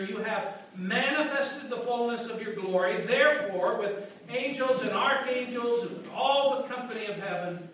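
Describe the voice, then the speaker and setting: A man leading liturgical prayers as pastor, intoning in a measured, solemn way, his voice ringing through a large church. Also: sits high, fairly bright tone, far from the mic, a little hiss or hum. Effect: large church echo. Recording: echoey church heard from afar.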